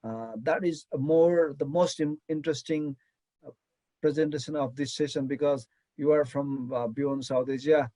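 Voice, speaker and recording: A man's voice: a little high, steady tone, normal speed, mellow, dry recording, rough recording. A man chairing an online academic panel, speaking hesitantly with many fillers and restarts over a video call. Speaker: session chair.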